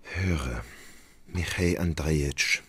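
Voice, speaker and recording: An actor playing a gentle, idle nobleman in a radio play, soft-spoken and measured. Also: a bass voice, husky, exaggerated voice. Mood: reproachful.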